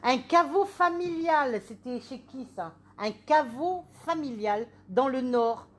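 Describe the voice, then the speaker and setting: A medium gives a live reading in a high-pitched, slow voice. Her speech is animated and full of questions, and she tends to repeat phrases.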